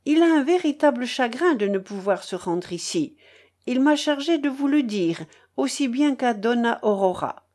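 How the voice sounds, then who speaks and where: A woman's voice: a little high, lively intonation, moderate pace, darkish tone, pitched above the performer's own voice. A woman reading a polite young valet. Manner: polite, deferential.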